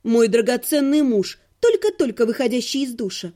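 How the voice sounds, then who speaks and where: A woman's voice: on the high side, big pitch swings, normal speed, mellow. A woman reading a humorous fantasy audiobook in the first person, with a wry, ironic manner. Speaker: audiobook narrator.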